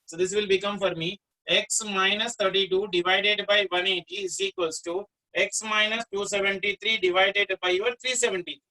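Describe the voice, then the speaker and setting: A male teacher with a South Indian accent speaks in a bright, forceful voice. He works through a physics lesson interactively, restating key phrases and putting questions to his students. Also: high voice, normal speed, hardly any pauses, rough recording. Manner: repetitive, often checks in with questions.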